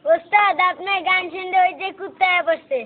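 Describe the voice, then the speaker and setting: A woman's voice: extremely high pitch, fairly even intonation, moderate pace. A woman, playing a meek, plaintive pupil in a comedy skit. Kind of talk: comic skit acting. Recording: tinny lo-fi audio with faint noise.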